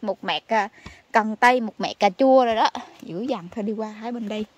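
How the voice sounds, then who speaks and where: A woman's voice: fairly high pitch, a little fast, no echo, dull audio. Chatty woman in her garden. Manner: chatty and exclamatory, calls viewers family. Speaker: gardening vlogger. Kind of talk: casual chat to viewers while harvesting. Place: outdoor home vegetable garden.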